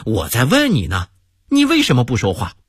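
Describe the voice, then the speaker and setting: A man's voice: mid-range voice, huge pitch swings, brisk, breathy edge, no echo, studio quality. A man voicing a puzzled American hotel guest who keeps pressing with questions. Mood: baffled, insistent.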